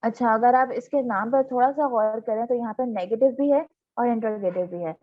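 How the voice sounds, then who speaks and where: A patient woman teacher runs a grammar lesson, breaking each point down step by step and pausing to check that the class is following. Her voice sits a little high, and she reads example sentences slowly and deliberately. The recording is dull and lo-fi. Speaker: English teacher.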